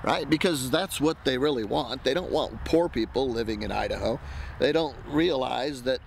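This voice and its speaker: A middle-aged American man with a gravelly, creaky voice at an ordinary pitch. He talks off the cuff in a hesitant, rambling way, stopping to find his thread. He is recorded outdoors, with light ambient traffic noise behind him. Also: normal speed. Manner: rambling, hesitant, self-interrupting. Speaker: amateur writer pitching a movie idea. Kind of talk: casual unscripted monologue to camera. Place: outdoors in an open grassy park.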